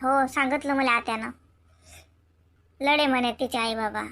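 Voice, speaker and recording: A woman voicing a caring adult sister in an animated comedy, chattering and fussing with a Varhadi Marathi accent. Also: sits high, moderate pace. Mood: concerned.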